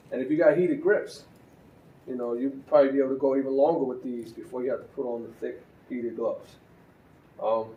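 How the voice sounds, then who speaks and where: A man with a mid-range, dark voice gives a casual gear review as a motorcycle vlogger, slipping in easy fillers and restarting sentences. He sits a bit off the mic, so the sound is roomy and distant, with faint ambience and slight background noise.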